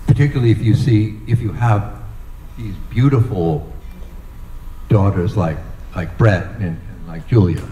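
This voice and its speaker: A middle-aged man giving a humorous father of the bride speech, telling stories slowly with deliberate dramatic pauses. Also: fairly low pitch, dark tone, roomy sound, lo-fi sound, a little hiss or hum.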